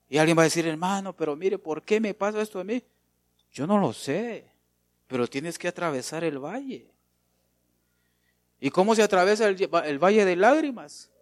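Male preacher, fairly high voice, emphatic sermon delivery with repeated phrases, dry recording. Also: no room sound. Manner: emphatic, repeats phrases, addresses congregation as brother.

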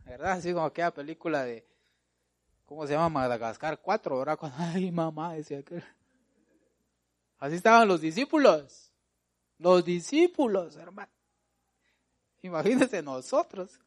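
A man preaching a sermon in a voice pitched somewhat high. He keeps firing rhetorical questions at the congregation. His delivery moves from loud, urgent exhortation to soft, stretched-out asides. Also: expressive. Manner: swings between loud exhortation and quiet, drawn-out asides.

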